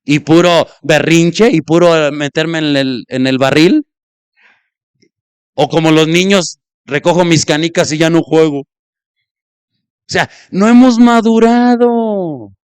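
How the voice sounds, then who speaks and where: A man preaching, with a fairly high, clear, resonant voice. He acts out little dialogues and leaps up and down in pitch to make his points. The sound is dry and close. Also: fairly even intonation, takes it slowly, long pauses, dry recording. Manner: illustrates points by acting out spoken exchanges, with sudden pitch jumps. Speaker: pastor. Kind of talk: sermon.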